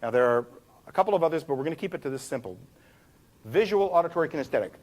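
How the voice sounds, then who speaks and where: Animated male seminar trainer. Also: fairly high pitch, rapid-fire. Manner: animated, demonstrates voices while explaining. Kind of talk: live seminar lecture. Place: room with a live audience.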